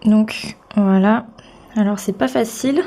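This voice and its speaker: This beauty vlogger, a young woman sniffling with a cold, chats in a bubbly, casual, filler-heavy way through an at-home tutorial. Her mid-range voice is warm and a little slow, with vocal fry. Faint noise and an echoey room come through.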